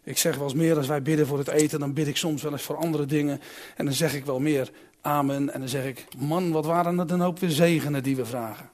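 A man preaching a sermon who asks his listeners direct questions and swings between loud emphatic calls and quiet reflective asides. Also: a little high, fairly even intonation, a little fast.

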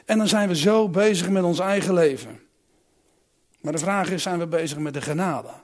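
At a moderate pace and in a high voice, a male preacher asks his listeners pointed questions. He moves back and forth between booming emphasis and hushed reflection.

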